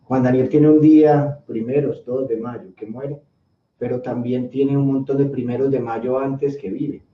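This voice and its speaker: A male host giving calm, reflective commentary. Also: medium pitch, a little slow. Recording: echoey, distant, dull sound.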